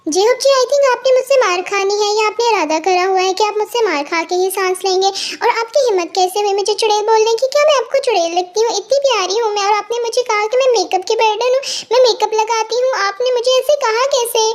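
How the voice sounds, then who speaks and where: A woman's voice: extremely high pitch, fast talker, hardly any pauses. A woman voicing a sassy young wife who scolds and dotes on her husband in a fan fiction story. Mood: indignant.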